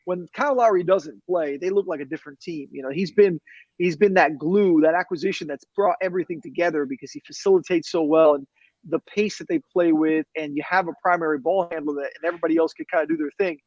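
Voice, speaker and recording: Sports reporter guy on a call, fast and chatty, emphatic, dry but kinda lo-fi sound. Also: fairly high pitch, a little mellow, no room sound. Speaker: TV sports reporter, studio host, guest. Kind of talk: casual sports analysis. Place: TV newsroom.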